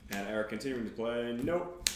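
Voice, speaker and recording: Male commentator, wry and joking, mid-pitched, echoey room. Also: expressive, fairly quick, background noise. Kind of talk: playful play-by-play commentary.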